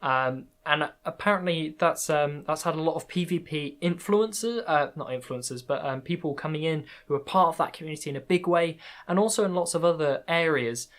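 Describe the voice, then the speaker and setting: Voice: medium pitch, brisk, hardly any pauses, a bit bright. A podcast host in casual conversation, talking hesitantly with many fillers and restarts and laughing often.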